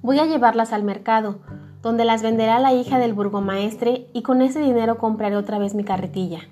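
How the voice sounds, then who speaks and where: A woman reading as a meek young gardener from a storybook, his voice raised and soft. He sounds gentle and grateful. Faint music plays under the reading. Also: a little high, brisk, lightly acted. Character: kindly humble young gardener man.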